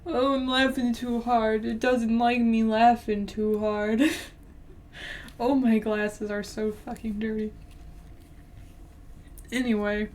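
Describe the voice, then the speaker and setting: A woman's voice: a little high, flat delivery, slow pace, pauses often, a little mellow. A young woman streaming, reading an old horror story aloud and breaking off with giggly, sarcastic commentary. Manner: giggly, sarcastic, laughs often mid-sentence.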